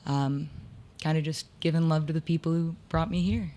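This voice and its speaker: Young woman, low voice, chatty interview guest, theater actor and designer, lots of filler words, from upstate New York. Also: fairly even intonation, moderate pace, dark tone. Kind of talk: casual interview storytelling.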